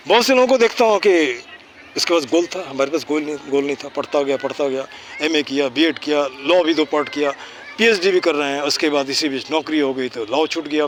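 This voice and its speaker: A man teaching school students outdoors, lecturing and firing rhetorical questions. He slows down and speaks deliberately whenever he switches into English. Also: a little high, fairly bright tone, slight background noise. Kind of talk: informal lecture with quiz questions. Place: outdoors in a park.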